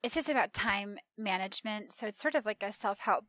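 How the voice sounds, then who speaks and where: Woman, 30s, podcast guest, chatty and animated, bright tone, dry recording. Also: mid-range voice, fairly quick, dry recording. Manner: chatty and animated, mimics voices in retold quotes. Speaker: podcast guest, travel agent. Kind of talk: casual conversational interview.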